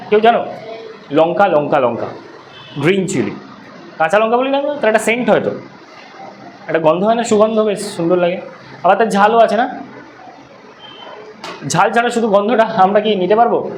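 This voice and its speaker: A man's voice: high-pitched, expressive, moderate pace, long pauses. A man teaching an English class as tutor, talking conversationally and often checking that students follow. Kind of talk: classroom lecture. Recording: roomy echo, faint room noise.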